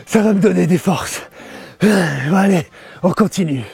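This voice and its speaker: A man's voice: sits high, measured pace, gravelly, a little mellow, breathy edge, dry recording. A man teaching a comic self-help lesson outdoors, blunt and crude with a joking tone.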